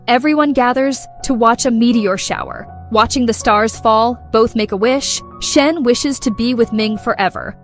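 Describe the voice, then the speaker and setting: Woman, fairly high voice, steady scripted recap narration, faint music underneath. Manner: steady storytelling delivery. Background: faint background music.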